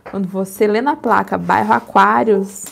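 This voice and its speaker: A woman hosting a casual live stream from home, chatty and quick to laugh. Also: medium pitch, fairly even intonation, gravelly, breathy edge.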